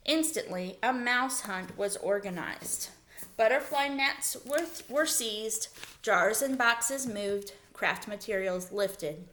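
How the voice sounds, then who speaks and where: A woman's voice: on the high side, slow, a bit bright. A woman teacher reading a children's chapter book aloud, stopping to patiently explain a vocabulary word to young students. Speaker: elementary school teacher.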